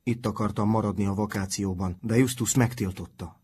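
A man's voice: on the low side, steady tone, darkish tone, a little hiss or hum, close to an everyday voice. A man doing an earnest, sturdy schoolboy. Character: sturdy, kind-hearted teenage schoolboy.

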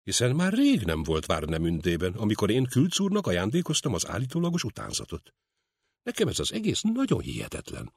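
Male narrator doing a doubtful young woman, pitched up, husky. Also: wildly swooping pitch, a little mellow, no echo, clean studio sound, full character voice. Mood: skeptical. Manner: skeptical. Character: young female secretary, doubtful and quick. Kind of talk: audiobook character reading.

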